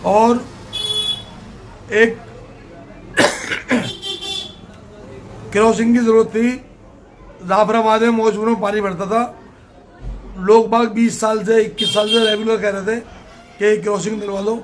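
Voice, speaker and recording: A man's voice: sits high, slow, long pauses, noisy background. An older man, a political candidate giving plain-spoken, emphatic interview answers and often repeating himself.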